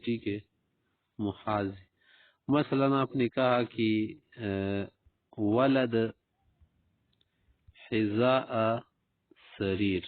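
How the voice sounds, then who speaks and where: A man teaching a language lesson, speaking slowly and repeating example phrases for learners. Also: mid-range voice, no room sound. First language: Urdu. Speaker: Arabic teacher. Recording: dry, phone-like audio.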